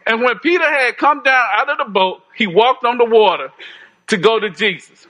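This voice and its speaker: A man's voice: extremely high pitch, moderate pace, sharp tone, low-quality recording. A man preaching an informal sermon in a folksy, conversational way, often repeating phrases and chuckling.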